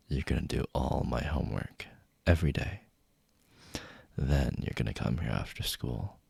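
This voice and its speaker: Casting: male actor as flirty bully leading man for whispered ASMR role-play; heavy vocal fry, husky, close dry sound, intimate taunting delivery. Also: very deep voice, a little mellow, no room sound, full character voice. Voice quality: husky, gravelly.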